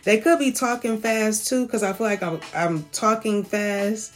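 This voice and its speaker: A woman's voice: medium pitch, a little slow, soft background music. A woman giving a casual spoken reading, chatty and loose, often checking in with "okay?" and laughing lightly. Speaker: tarot reader.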